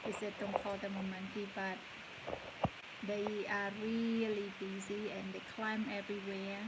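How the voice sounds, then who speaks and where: Slow-talking woman from Cambodia, noisy kitchen. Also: medium pitch, level tone. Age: 30s. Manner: unhurried, chatty, coaxes her toddler in between. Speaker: vlogger and mother. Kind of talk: casual chat to camera. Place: home kitchen. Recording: home video with loud background noise.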